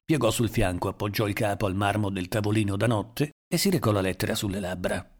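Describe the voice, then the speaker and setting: A man narrating a literary novel in a measured, even reading style. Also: lowish voice. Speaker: audiobook narrator.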